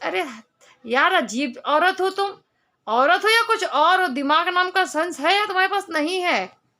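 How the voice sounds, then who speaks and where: A woman's voice: very high voice, animated, measured pace, bright, forceful tone. A woman vlogger talking casually to her viewers, telling a story in an indignant, complaining way. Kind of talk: casual monologue to camera.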